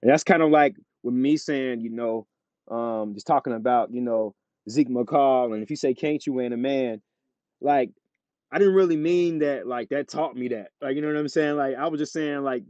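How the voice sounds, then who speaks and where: A man's voice: mid-range voice, moderate pace, darkish tone, dry recording. Laid-back man, muffled dry sound. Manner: laid-back, peppers speech with "like, you know what I'm saying". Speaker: rapper guest. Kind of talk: casual interview chat.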